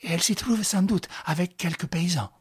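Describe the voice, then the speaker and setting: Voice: medium pitch, moderate pace, slightly rough, pitched above the performer's own voice. A reader voicing a poised, elegant countess. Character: elegant countess, gracious woman.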